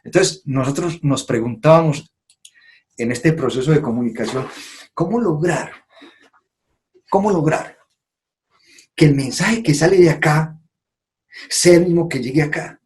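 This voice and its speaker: Delivering a live lecture at a conference, this man has a slightly high voice and talks at normal speed. He performs quoted lines and frequently asks "¿sí?" to check in with listeners.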